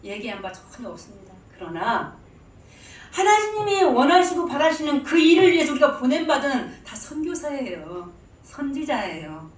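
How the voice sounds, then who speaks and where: A woman pastor delivers a sermon, asking her congregation questions and then answering them herself. She pushes her key points hard, at times almost shouting. Her voice is a little high and comes from some way off in a reverberant church, with a faint background hum. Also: sing-song, normal speed. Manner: rises to emphatic, near-shouting stress. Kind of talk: interactive sermon with congregation call-and-response. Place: church sanctuary. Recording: echoey church sound from a distance, faint room noise.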